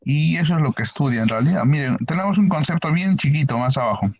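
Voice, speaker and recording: A man's voice: fairly high pitch, lively intonation, quick pace, darkish tone, highs cut off, slight background noise. A male teacher explaining ideas to a class and asking them questions as he goes. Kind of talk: online university lecture.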